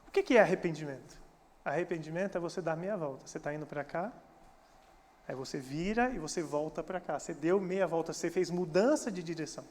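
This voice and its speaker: High-voiced Brazilian pastor preaching in a hall. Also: male voice, fairly quick. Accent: Brazilian Portuguese. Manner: animated preaching, acts out quoted church members. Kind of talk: sermon. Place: church sanctuary. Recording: church hall reverb.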